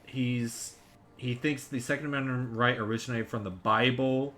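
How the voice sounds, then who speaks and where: A man's voice: mid-range voice, steady tone, moderate pace, sharp tone. A man co-hosting a casual podcast, rambling and swearing while reading news articles aloud. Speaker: podcast co-host.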